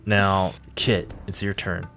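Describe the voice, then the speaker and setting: Lowish-voiced male game master. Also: slow, vocal fry. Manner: excitable, gasps at big rolls. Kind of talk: narrating a tabletop game. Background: background music.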